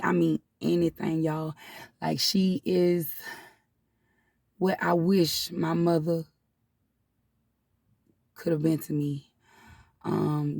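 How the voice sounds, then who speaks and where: Husky, flat-voiced woman close to tears. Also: on the low side, no echo, far from the mic. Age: 30s. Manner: casual and heartfelt, often addresses viewers as "y'all". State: holding back tears. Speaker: spiritual channel host. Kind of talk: personal confessional vlog.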